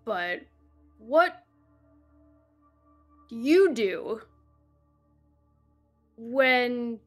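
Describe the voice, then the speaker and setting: A woman voicing a small, shaken feathered young woman who speaks in halting, hushed scraps of words. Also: a little high, very animated, faint music behind, full character voice. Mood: hesitant.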